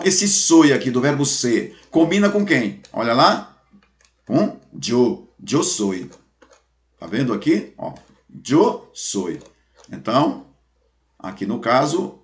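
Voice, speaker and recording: A man teaching a recorded lesson, patient, checking in often and slowing down to repeat each example. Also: medium pitch, very animated. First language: Portuguese. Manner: patient, drawing out examples slowly, checking in with "beleza?". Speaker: Spanish teacher.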